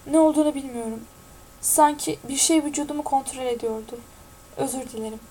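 A woman reading the lines of a frightened teenage boy who speaks slowly and pleadingly. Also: high-pitched, mellow, a little hiss or hum, close to an everyday voice. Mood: weak. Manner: slow, haunted, pleading.

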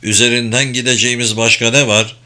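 A man voicing a gruff, short-tempered male intelligence chief in a blustering way while reading a novel. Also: medium pitch, flat delivery, fast talker, pushed and bright.

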